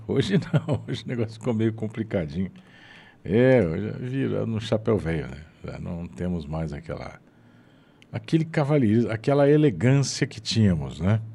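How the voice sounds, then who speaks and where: A Brazilian radio host musing in a folksy, reflective way, often ending with a questioning "né". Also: male voice, fairly low pitch, dark tone, breathy edge. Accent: Brazilian Portuguese. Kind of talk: morning radio talk.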